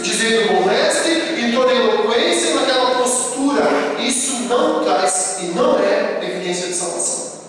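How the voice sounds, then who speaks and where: Brazilian preacher guy, pushes his points hard, very echoey church room, faint noise behind. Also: high-pitched. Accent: Brazilian Portuguese. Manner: emphatic preaching, rhetorical questions, addressing the congregation directly. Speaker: pastor. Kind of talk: sermon. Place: church sanctuary. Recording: echoey church hall, distant mic, faint background noise.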